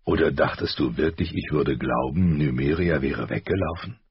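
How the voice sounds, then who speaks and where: A man voicing a grave, gentle noble father in an audiobook, slow, soft-spoken and weighty, with a husky voice. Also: very deep voice, dry recording, lo-fi sound, heavily acted. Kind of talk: audiobook character voice.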